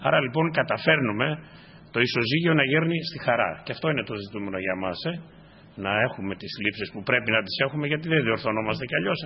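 A man preaching a sermon to his congregation, dropping to quiet asides and then rising into sudden emphatic bursts. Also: mid-range voice, lively intonation, creaky, husky. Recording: dull lo-fi recording.

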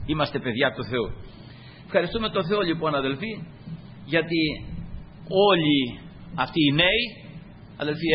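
High-pitched preacher swinging loud and soft. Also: male voice. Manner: rising to high emphatic peaks, then dropping low and soft; fills pauses with "brothers" and "glory to God". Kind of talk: sermon. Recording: muffled sermon recording with faint room noise.

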